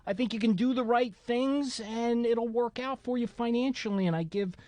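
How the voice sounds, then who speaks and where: A man's voice: very high voice, normal speed, darkish tone, no echo. Easygoing New Jersey man, radio guest. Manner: earnest, explanatory, easygoing. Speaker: accountant guest. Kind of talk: radio interview.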